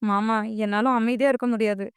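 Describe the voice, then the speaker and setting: A woman's voice: a little high, steady tone, normal speed, clean tone, no echo, studio quality, lightly acted. Give me a frantic tearful young man in an audio drama, read by a woman. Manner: tearful, pleading. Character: frantic young man fearing for his sister.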